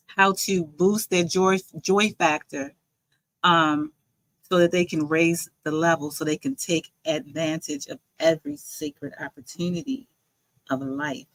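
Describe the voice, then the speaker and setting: A woman's voice: on the low side, fairly bright tone, no room sound, poor audio. Woman, livestream host, rambling casual chat, dry close sound. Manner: chatty, rambling, reads viewer comments aloud. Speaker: livestream host and joy coach.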